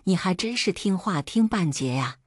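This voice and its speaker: A woman's voice: fairly low pitch, expressive, moderate pace, no room sound, studio quality. A woman voicing a teasing young man who is doting and smug, speaking in a playful, coaxing way. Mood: exasperated.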